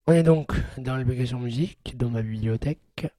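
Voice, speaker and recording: Mellow man, casual tutorial, low-quality audio. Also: brisk, dry recording. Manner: informal, hesitant, thinking aloud. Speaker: podcast host giving a tech tutorial. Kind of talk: casual spoken demonstration. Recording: low-quality sound from an old mixing desk.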